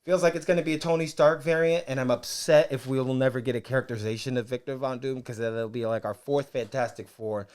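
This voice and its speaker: A man's voice: mid-range voice, steady tone, quick pace, few pauses, a little mellow. A man co-hosting a comics podcast, talking in an enthusiastic, rambling way with many restarts. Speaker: podcast co-host. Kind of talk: casual chat about comics.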